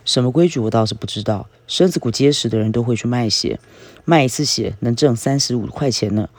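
A man's voice: mid-range voice, brisk, no echo, lightly acted. A man reading a novel aloud, voicing a middle-aged farmer uncle who explains things in a plain, matter-of-fact way.

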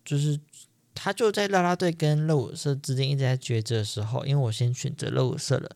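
A man's voice: medium pitch, brisk, creaky, a little mellow, dry recording, studio quality. A young man with a Taiwanese Mandarin accent, hosting a podcast and telling a personal story in an earnest, emphatic way that repeats things for stress. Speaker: podcast host.

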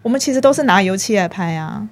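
A woman, a film marketing producer chatting as an interview guest and telling animated stories about her work. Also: medium pitch, quick pace. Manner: animated storytelling, acts out her own past thoughts. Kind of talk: casual interview chat.

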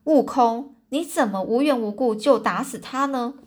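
A woman voicing a gentle, soft-hearted monk master in a children's storybook reading. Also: a little high, moderate pace, lightly acted. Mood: reproachful.

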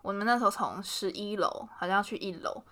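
Bright, fast-talking young Taiwanese woman. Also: medium pitch. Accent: Taiwanese Mandarin. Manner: animated storyteller, laughs often. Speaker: podcast co-host. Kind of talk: casual chat.

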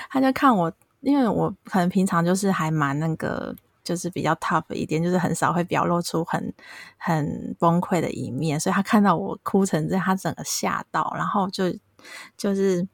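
A woman in her thirties with a Taiwanese Mandarin accent tells a story in an animated, casual way. Her voice sits on the low side and has a gravelly edge. The sound is dry and close. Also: no room sound. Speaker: podcast host. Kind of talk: casual chat.

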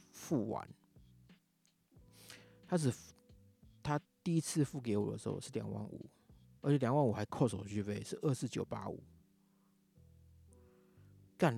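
This podcast host, a man with a Taiwanese Mandarin accent, rants angrily through a casual monologue and swears a lot. His voice sits at medium pitch and sounds creaky, mellow, and husky.

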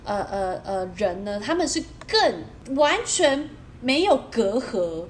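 A woman co-hosting a casual podcast, telling everyday anecdotes in an animated way. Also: a little high, slow, a little hiss or hum. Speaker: podcast co-host. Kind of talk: casual chat, storytelling.

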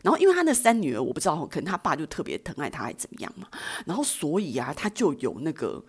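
A woman's voice: sits low, sing-song, quick pace, a little mellow, slightly rough. A woman, telling personal stories as a podcast host in a chatty, self-mocking way. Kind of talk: personal storytelling.

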